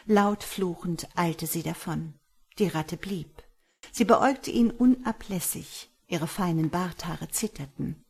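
A woman narrating a dark fairy tale in German, reading in a measured, dramatic way. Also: on the low side, vocal fry, husky. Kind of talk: storytelling audiobook narration.

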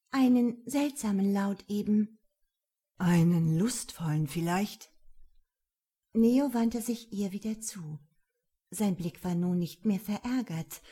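Female audiobook narrator, husky and mellow, unhurried delivery. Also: mid-range voice. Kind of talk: scripted narration.

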